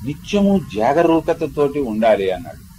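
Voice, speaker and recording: An older man with a Telugu accent, a spiritual teacher who chants verses slowly and melodically, then explains them in a discourse. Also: a little high, very animated, mellow, a little hiss or hum, low-quality recording. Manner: explanatory storytelling lecture.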